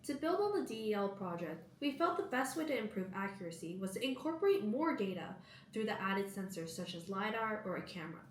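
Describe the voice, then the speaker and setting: A woman's voice: mid-range voice, very animated, fairly quick, slight background noise. A teenage girl reading a scripted project presentation plainly. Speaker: student presenter. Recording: echoey room, mic at distance.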